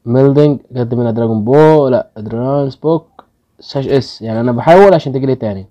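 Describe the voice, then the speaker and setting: A man's voice: mid-range voice, quick pace, dark tone. A man with an Egyptian Arabic accent hosting a casual gaming video, pleading with his luck and grumbling when the results go badly. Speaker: gaming channel host.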